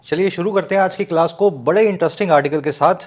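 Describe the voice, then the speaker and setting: A man's voice: sits high, a little hiss or hum. A man with an Indian accent teaching English newspaper vocabulary, explaining terms step by step and checking that students follow. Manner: reads quoted English slowly. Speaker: English tutor. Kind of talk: Hinglish newspaper lesson.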